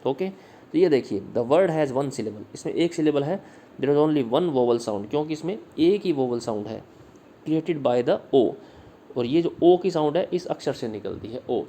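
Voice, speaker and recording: A male English literature teacher giving a slide-based video lesson, patiently repeating words slowly and explaining each slide line. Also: fairly high pitch, lively intonation, warm tone.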